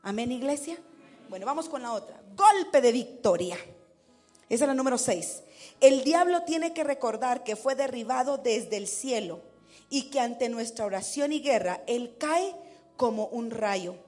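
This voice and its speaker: A woman preaching to her congregation in an animated way, breaking into war cries and sounding out drum beats. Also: fairly high pitch, normal speed, faint music behind. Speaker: preacher teaching tambourine and worship dance. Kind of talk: lively sermon to a congregation.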